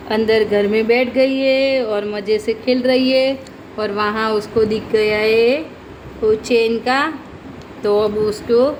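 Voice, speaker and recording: A woman's voice: a little high, a little mellow, a little hiss or hum. Chatty woman vlogging at home. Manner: chatty, narrating daily chores and talking to her pet. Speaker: family vlogger. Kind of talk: casual home vlog narration.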